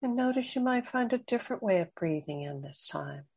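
A woman guiding a slow breathing meditation, speaking softly and soothingly with long pauses. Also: a little high, lively intonation, gravelly, breathy edge, highs cut off. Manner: slow, soft, soothing and unhurried. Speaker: meditation guide.

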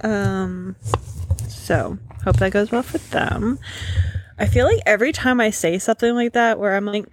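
A woman's voice: mid-range voice, a little slow. A tired woman co-hosting a podcast in casual chat, rambling and self-deprecating, laughing often. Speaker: podcast co-host.

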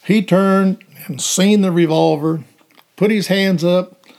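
Brief: male officer, higher-pitched gravelly voice, matter-of-fact. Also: fairly even intonation, slow pace, a little mellow. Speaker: police officer. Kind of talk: casual storytelling interview.

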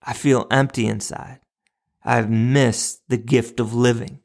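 A man voicing an old man who regrets his rushed life, speaking bluntly and plaintively. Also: medium pitch, fairly even intonation, vocal fry, a little mellow. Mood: regretful.

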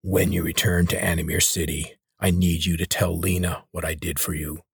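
A man voicing a maimed, weary mutant leader who talks in a hoarse rasp. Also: sits low, flat delivery, moderate pace, no echo, clean studio sound, heavily acted. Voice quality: hoarse, rasping.

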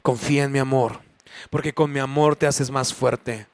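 A man voicing Jesus as a tender, loving grown man who softly coaxes a friend with repeated gentle pleas. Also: medium pitch, steady tone, moderate pace, no echo, voice pushed down, close to an everyday voice. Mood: tender pleading. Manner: soft repeated coaxing pleas.

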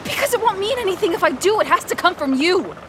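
A woman's voice: extremely high pitch, sing-song, fast talker, background noise. A woman acting an earnest, wounded young best friend in an audio drama, speaking with emotional insistence. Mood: insistent.

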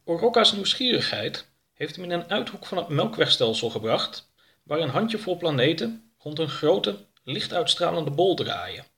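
Bright-voiced male storybook narrator. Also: on the high side, very animated, normal speed, creaky.

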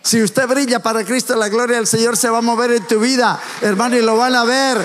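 A man with a high-pitched voice gives a sermon in a church. He keeps it light and jokey, talking straight to the congregation in a chatty way. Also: fairly even intonation, a little fast, a bit bright. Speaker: church speaker. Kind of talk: humorous sermon. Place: church sanctuary.

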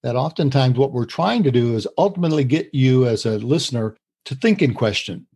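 A husky-voiced man at an everyday middle pitch talks through ideas with a co-host. He explains in an earnest, steady way and laughs easily between points. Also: brisk. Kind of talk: conversational podcast talk on communication.

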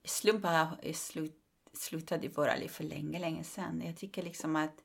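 A woman's voice: on the low side, fairly bright tone. A woman comedian talking frankly in a casual interview, laughing often and using many fillers.

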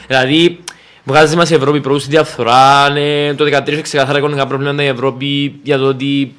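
A man's voice: medium pitch, flat delivery, fairly bright tone, smooth. A man with a Cypriot Greek accent, co-hosting a podcast discussion, asking questions in a colloquial, polite way. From Cyprus.

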